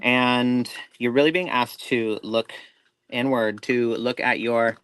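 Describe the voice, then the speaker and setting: A man's voice: mid-range voice, steady tone, slow pace, fairly bright tone, clean tone, dry recording, low-quality recording. A man co-hosting a live show, giving a tarot reading in a rambling, self-interrupting way with folksy reassurance. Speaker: tarot reader, co-host.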